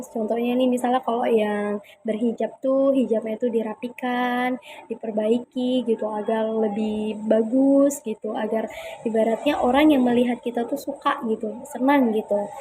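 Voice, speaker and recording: A woman's voice: fairly high pitch, background noise. Chatty young woman giving class presentation. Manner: chatty, hesitant, frequent fillers. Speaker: student presenter.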